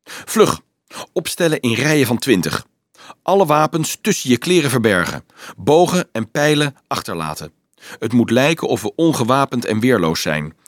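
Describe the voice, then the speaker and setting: A man's voice: medium pitch, sing-song, normal speed, no echo, studio quality, natural voice. A man reading a storybook aloud, voicing a brave teenage boy who pleads earnestly with a raised voice. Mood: urgent.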